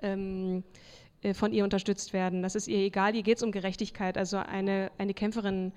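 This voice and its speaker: A woman's voice: mid-range voice, flat delivery, normal speed, a little mellow, clear, resonant tone. Chatty woman in a reverberant hall. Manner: storytelling, reads aloud, frequent fillers. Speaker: podcast co-host. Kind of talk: live podcast chat before an audience. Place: hotel event space with audience.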